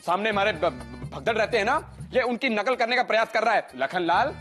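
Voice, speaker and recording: A man's voice: high-pitched, lively intonation, fairly quick, fairly bright tone, faint music behind. An actor playing a pompous, formal father who insists on pure words, pedantic and stern. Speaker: father in a family comedy serial. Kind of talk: TV sitcom acting.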